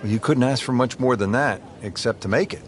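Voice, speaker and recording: A man's voice: mid-range voice, brisk, natural voice. A man working as a golf commentator, calling play in a polished broadcast style. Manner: polished, asks his co-commentator questions. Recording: outdoor crowd ambience, clear background noise. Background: golf crowd and outdoor ambience.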